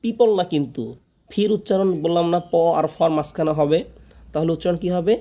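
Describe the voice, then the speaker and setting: A man leads a beginner pronunciation lesson. His voice sits a little high but sounds mellow and relaxed. He repeats words patiently and throws quick questions at his listeners. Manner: drills words by repetition, asks the viewer questions. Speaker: spoken English teacher.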